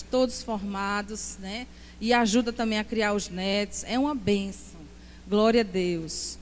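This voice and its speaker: A woman's voice: on the high side, in a large hall, a little hiss or hum. Fervent woman preacher. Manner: fervent, peppered with praise interjections and "né?". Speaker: women's Bible class speaker. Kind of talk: church teaching. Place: church hall.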